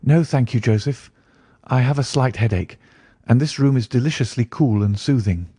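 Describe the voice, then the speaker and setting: A man's voice: medium pitch, moderate pace, dark tone, breathy edge, dry recording, clean studio sound, pitched above the performer's own voice, lightly acted. A man voicing a polite young woman. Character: young woman, quietly obliging sister.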